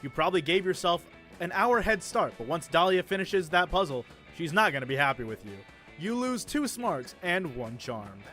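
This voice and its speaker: A man's voice: sits high, very animated, moderate pace, fairly bright tone, faint music behind. A man hosting a game stream, reading the story aloud playfully and laughing often. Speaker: stream host, narrator of the game.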